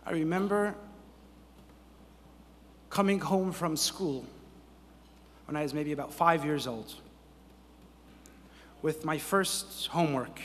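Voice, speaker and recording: A man, a rabbi, giving a conference keynote like a sermon, moving from quiet storytelling to ringing exhortation into a podium microphone in a large hall. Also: a little high, a little hiss or hum. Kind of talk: impassioned sermon-style keynote. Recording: hall reverb, faint ambience.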